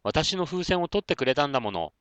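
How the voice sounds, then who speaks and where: Man doing a little girl kitten, high, soft and girlish, storybook. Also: sing-song, quick pace, clean tone, no room sound. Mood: earnest.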